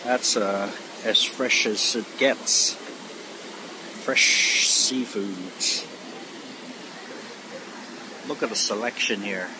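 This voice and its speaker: A man's voice: fairly low pitch, drawn-out words, long pauses. A middle-aged man vlogging on his phone while walking through a large supermarket, amazed and rambling with fillers. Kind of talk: casual walkthrough vlog. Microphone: phone held while walking. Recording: noisy phone recording in store. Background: store ambience.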